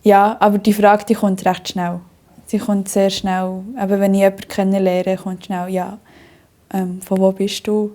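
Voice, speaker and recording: A woman's voice: mid-range voice, little pitch movement, normal speed, warm tone. A young woman with a Bernese Swiss German accent, telling her own story in an interview, often breaking into hearty laughter and talking at length with many fillers and restarts.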